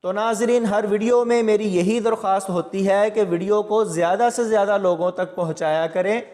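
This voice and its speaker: High-voiced male teacher, echoing. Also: fairly even intonation, darkish tone. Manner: patient, methodical explaining to viewers. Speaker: Quran recitation teacher. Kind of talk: step-by-step tajweed lesson.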